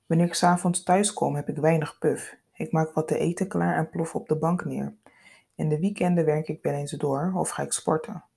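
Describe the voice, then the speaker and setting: A young woman, guarded but warming up, talks in an easy, casual way. Her voice sits low and husky with some gravel in it, as a woman narrator reads her lines. The tone is dark and mellow. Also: fairly even intonation, moderate pace, exaggerated voice.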